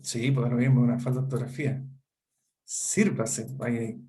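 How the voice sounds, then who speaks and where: A man's voice: medium pitch, fairly even intonation, moderate pace, warm tone. Chilean man lecturing on legal writing. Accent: Chilean Spanish. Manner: explanatory, asks students rhetorical check-ins. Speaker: law lecturer. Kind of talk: seminar lecture.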